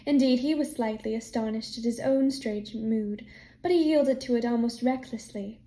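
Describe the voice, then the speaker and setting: A woman narrating an audiobook chapter in a calm, soft, steady storytelling manner. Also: fairly high pitch, normal speed, echoey room. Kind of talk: scripted narration.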